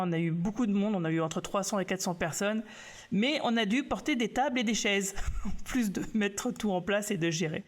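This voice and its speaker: A man walking viewers through a software demo on a live stream, in a loose, unscripted way. He jokes at his own expense and thinks aloud, filling pauses with hesitations and restarts. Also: high voice. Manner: relaxed, self-mocking, thinks aloud with many fillers. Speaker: graphic designer teaching software on a live stream. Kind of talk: casual live tutorial.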